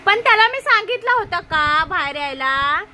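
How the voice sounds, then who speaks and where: A woman's voice: very high voice, expressive, normal speed, noisy background. A woman with a Marathi accent playing an aunt in a family comedy sketch, scolding and arguing sharply.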